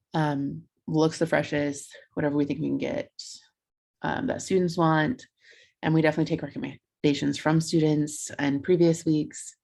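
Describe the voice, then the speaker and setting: A woman's voice: deep voice, creaky, darkish tone. A young adult woman on a video call, earnestly explaining how her campus food pantry runs, with frequent ums and likes. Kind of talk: conference presentation over video call.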